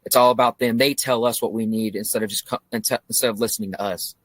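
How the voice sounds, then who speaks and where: A man's voice: lowish voice, fairly even intonation, fast, no room sound. A man giving a blunt, frustrated street interview as a local resident.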